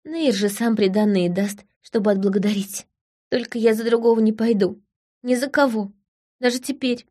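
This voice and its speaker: Brief: woman playing a gentle, lovesick village girl, soft and a little higher, quietly stubborn. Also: fairly even intonation, normal speed, natural voice. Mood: devoted.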